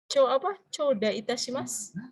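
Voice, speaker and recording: A woman's voice: fairly high pitch, animated, moderate pace, vocal fry, slightly rough. A woman with an Indonesian accent teaching a business Japanese class, explaining in Indonesian and quizzing her students.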